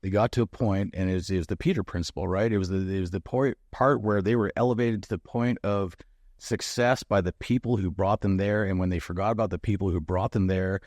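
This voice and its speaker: A middle-aged former bomb disposal chief, appearing as a guest, tells a story in a very low voice, bluntly and with plenty of swearing. He's animated and frank, a little fast, like a military man chatting with a friend. The recording is close and dry, with no room sound.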